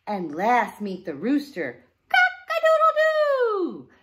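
With a high, wildly swooping voice and a fairly bright tone, a middle-aged woman slowly guides young children through an interactive picture-book reading. She uses an exaggerated sing-song style at home in her living room, and faint music plays behind her.

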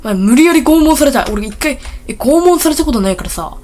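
A woman hosting a casual gameplay video, rambling and excitable with blunt, rough speech, talking a little thickly from a bitten tongue. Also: high-pitched, brisk, a little hiss or hum. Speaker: gaming video host.

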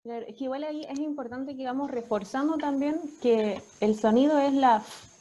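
Chilean lady teacher walking parents thru letter sounds, kinda high voice, muffled call audio. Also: normal speed, warm tone. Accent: Chilean Spanish. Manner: patient, checks in with frequent "¿ya?". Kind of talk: explaining phonics to parents.

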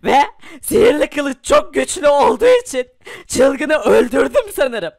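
A man's voice: very high voice, sing-song, measured pace, creaky, no echo, studio quality, exaggerated voice. A man voicing a panicky, tearful poor young man who talks in a breathless, pleading way, crying through his words. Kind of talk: hobby animation voice acting.

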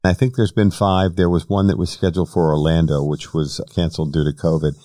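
A man's voice: deep voice, flat delivery, brisk, warm tone, no echo, clean studio sound. A man hosting a podcast, asking questions and giving long, careful explanations in casual interview talk. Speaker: podcast host.

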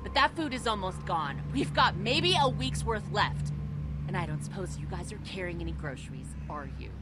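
A woman's voice: medium pitch, lively intonation, moderate pace, over loud music, close to an everyday voice. A woman playing a fiery, embattled survivor group leader in a video game, confrontational and exasperated, with an American accent. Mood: bitter.

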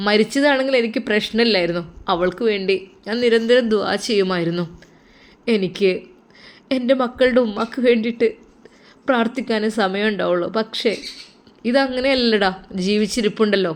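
A woman's voice: mid-range voice, normal speed, long pauses, close to an everyday voice. A woman voicing a grieving adult man, an abandoned father who is crying, with a sorrowful, pleading manner in a storybook. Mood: tearful. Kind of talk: storybook narration.

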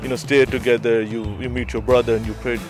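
A man's voice: medium pitch, flat delivery, fast talker, over music. A young male student answering street interview questions outdoors, hesitant with many fillers and restarts. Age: young adult. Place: outdoors on a city street by trees. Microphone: handheld shotgun mic held by interviewer.

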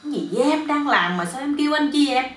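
A woman voicing a bossy, irritable husband who grumbles gruffly. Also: high-pitched, expressive, fast, a bit bright, far from the mic, slight background noise, voice pushed up. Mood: grumbling. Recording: roomy, a bit off-mic.

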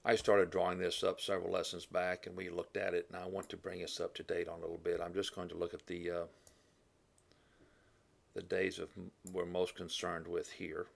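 A low-voiced man leads a Bible lesson in the manner of a classroom teacher. He thinks out loud with fillers, corrects himself, and clears his throat often.

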